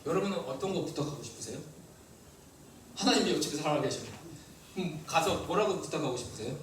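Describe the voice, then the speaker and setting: Lively pastor in an echoey church. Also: male voice, a little high, fast, recorded from a distance, a little hiss or hum. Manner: lively, asks the congregation questions. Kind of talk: sermon. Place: church hall.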